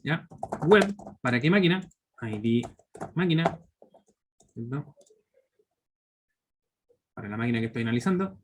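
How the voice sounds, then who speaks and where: A man's voice: medium pitch, animated, unhurried, long pauses, slight background noise. A man in his thirties with a Chilean accent, teaching a live online programming class step by step and constantly checking in with his students. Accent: Chilean Spanish. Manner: explains step by step, checks in with students through constant tag questions. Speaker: university teacher.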